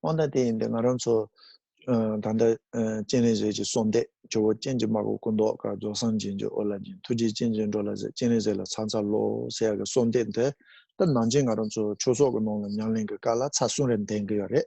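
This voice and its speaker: A man giving a Buddhist teaching with a gravelly voice, often clearing his throat. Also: on the low side, fairly even intonation, normal speed, warm tone, dry recording.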